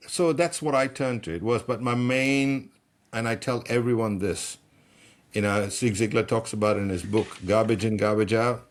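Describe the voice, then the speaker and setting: A middle-aged Malaysian man, a personal development coach, appears as a podcast guest and speaks at a normal speed in a fairly low voice. In conversational storytelling, he narrates with animation and keeps restarting words when excited.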